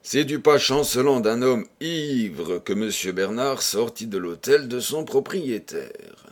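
A man reading a novel aloud as an audiobook narrator, expressive and deliberate. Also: mid-range voice. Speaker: audiobook reader.

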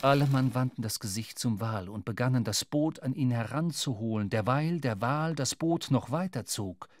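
A man reads literary narration for a radio drama, measured and dramatic. His mid-pitched voice is a little mellow, recorded close in a dry studio with no room sound.

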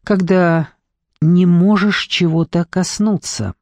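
A man reading an audiobook, voicing a calm young female ghost who speaks steadily and with assurance. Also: sits high, slow pace, no room sound, clean studio sound.

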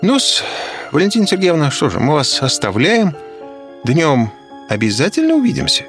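An authoritative professor with a brisk, dry way of talking, as a male narrator puts him on. The voice sits higher than the reader's own, and his lines jump about with lively intonation. Faint music plays under the audiobook. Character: stern commanding middle-aged male professor.

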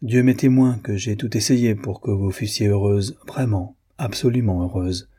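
A man's voice: fairly low pitch, normal speed, dark tone, husky. A male reader voicing a proud, remorseful husband who speaks in a firm, cold, sorrowful tone in an audiobook. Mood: grave remorse. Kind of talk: audiobook reading.

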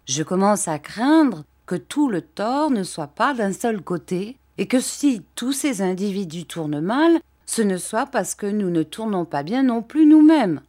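Woman voicing an earnest young husband, gentle, pleading, slow, audiobook. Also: mid-range voice, very animated. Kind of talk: audiobook reading.

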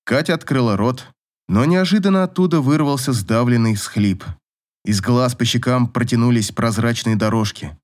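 A man reading an audiobook novel as narrator, in an expressive scripted style. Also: mid-range voice, normal speed.

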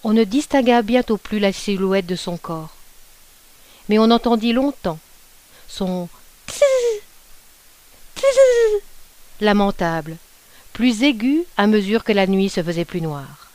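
Lady reading an old short story, calm measured pace, mid pitch. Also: no room sound. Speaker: audiobook reader. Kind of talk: scripted narration of a classic short story.

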